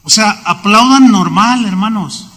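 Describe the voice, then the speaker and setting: A man with a Mexican accent preaching a sermon, telling stories with lively exclamations and acted-out claps in a church auditorium. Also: high-pitched, measured pace. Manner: animated storytelling, acts out exclamations and claps. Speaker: pastor. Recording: large reverberant church hall.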